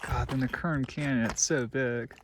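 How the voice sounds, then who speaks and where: A man films himself on a backpacking trip across high mountain passes and boulder fields, talking to the camera in a casual trail vlog. His medium-pitched voice holds a fairly even intonation at normal speed over slight background noise. He thinks aloud with a self-deprecating chuckle and is sometimes out of breath.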